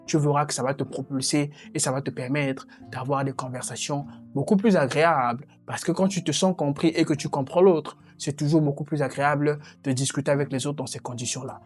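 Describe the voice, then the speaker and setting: A woman's voice: low-pitched, fairly even intonation, brisk, few pauses, darkish tone, soft background music. A woman teaching English pronunciation online, talking directly and encouragingly to the viewer.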